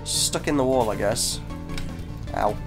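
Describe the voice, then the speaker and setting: Stuffed up from a cold, a man hosts a gaming video, speaking slowly at a medium pitch over music. His casual gameplay commentary is self-deprecating and often breaks off mid-sentence, captured on a desk mic.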